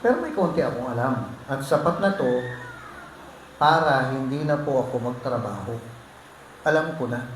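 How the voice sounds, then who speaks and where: A man's voice: medium pitch, expressive, moderate pace, long pauses. A man preaching a sermon as pastor, joking with and teasing the congregation. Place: church hall. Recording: echoey hall with faint noise.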